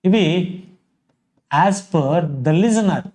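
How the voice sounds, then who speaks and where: Male Telugu-accented teacher, high pitch, unhurried, lists words one by one. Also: expressive, darkish tone. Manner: slow, repeats examples and lists word by word. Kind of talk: grammar lesson.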